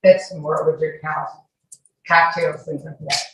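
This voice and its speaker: Her voice sits low, with a level tone and a measured pace, as this woman answers questions as a court witness and emphatically repeats her denials. It's an indoor courtroom recording that sounds echoey and distant, with some faint noise.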